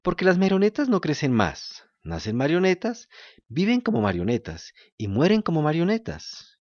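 A man voicing a kind, patient, motherly fairy woman who speaks softly and scolds gently. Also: a little high, moderate pace, no echo, highs cut off, pitched above the performer's own voice. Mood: gentle. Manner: calm soft-spoken, gently scolding.

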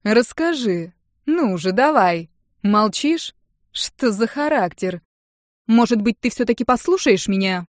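A woman reads an audiobook, playing a domineering, wealthy middle-aged mother who is angry, sarcastic, and venomous, raising her voice in scorn. Her voice is a little high with lively intonation and a slightly slow pace, recorded dry with a clean studio sound.

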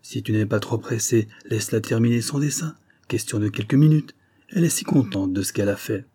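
A man's voice: on the low side, a little fast, dark tone, slightly rough. A man reading the part of a caring young wife who turns anxious and pleading. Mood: gentle. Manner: pleading, urgent.

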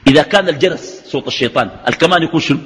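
A man's voice: fairly high pitch, very fast, a bit bright. A man with a Sudanese Arabic accent teaching a religious lesson, arguing through a stream of rhetorical questions. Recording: echoey hall reverb.

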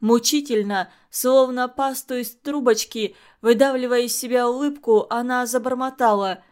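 A woman narrating a novel aloud in an expressive, dramatic reading style. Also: a little high, moderate pace.

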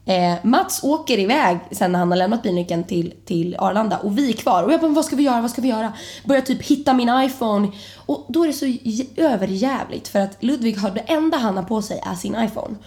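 A young woman telling a chaotic travel story in a casual chat, her voice jumping high as she acts out the panic. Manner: animated, jumps to high excited pitch when retelling panic. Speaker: podcast host.

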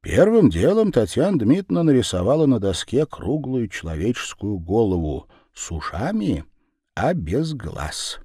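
A man narrating a children's storybook in an expressive, sing-song reading manner. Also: medium pitch, unhurried, slightly rough, dry recording, clean studio sound.

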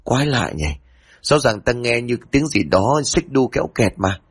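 A man voicing a scolding but soft-hearted older household woman in a spoken ghost story, grumbling her lines. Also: mid-range voice, big pitch swings, normal speed, breathy edge. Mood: uneasy.

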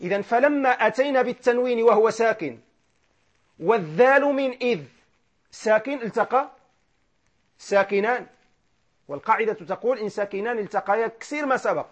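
High-voiced male grammar teacher, lo-fi. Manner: asks questions and answers them himself; repeats key words and chants Quran verses slowly. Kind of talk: classroom grammar lesson. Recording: dull lo-fi lecture recording.

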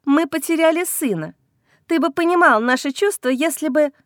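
A woman's voice: sits high, animated, normal speed, no echo, studio quality, voice pushed up. A woman voicing an anxious, fretful female werewolf mother in an audiobook. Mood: distraught. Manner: fretful, pleading. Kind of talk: audiobook character reading.

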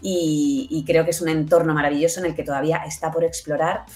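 An audio fiction producer guesting on an interview, she has a Spanish accent and a deep, rather dark voice. She talks at a quick, steady pace over soft background music, explaining conversationally and often adding little tag questions to check in.

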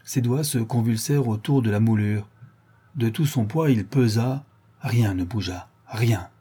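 A man narrating a classic adventure novel in a measured, dramatic way. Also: mid-range voice, mellow, slightly rough. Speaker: audiobook narrator. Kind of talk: scripted narration.

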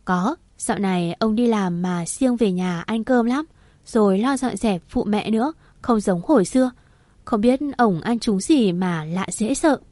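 A woman voicing a gentle middle-aged mother who speaks tenderly and anxiously, with a Southern Vietnamese accent. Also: medium pitch, measured pace, dry recording, natural voice. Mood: chatty.

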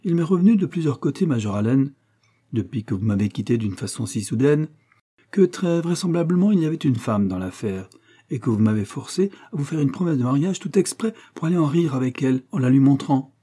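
A man voicing a jealous, sharp-tongued middle-aged widow in a storybook reading, speaking shrilly and vehemently. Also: mid-range voice, lively intonation, brisk, husky, pitched above the performer's own voice.

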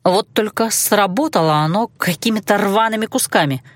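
A woman narrating a fantasy audiobook in the first person, with expressive storytelling. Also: mid-range voice, normal speed, no room sound, clean studio sound.

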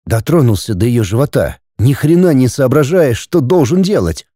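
A man narrating a first-person audiobook in a dramatic, expressive reading. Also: mid-range voice, moderate pace, dry recording, studio quality.

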